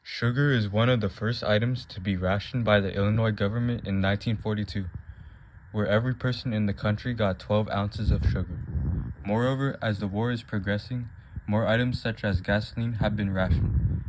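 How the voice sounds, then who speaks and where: A man's voice: lowish voice, fairly even intonation, brisk, natural voice. A man playing a solemn 1940s wartime announcer, formally reading a scripted public announcement. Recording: clearly noisy recording with clicks.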